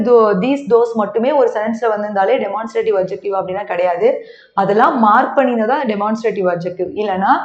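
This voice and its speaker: A woman's voice: on the high side, darkish tone, dull audio. Tamil-accented woman teaching grammar, echoey. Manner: mixes Tamil and English, keeps asking the class to check understanding. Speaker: English teacher. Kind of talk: exam-prep grammar lesson.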